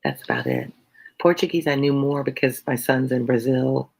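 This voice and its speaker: During a live stream, a middle-aged tutor reads from a classic novel, then chats loosely and playfully with viewers, poking fun at themself. The mid-range voice is gravelly, slightly husky and sing-song at a moderate pace, and the audio quality is poor.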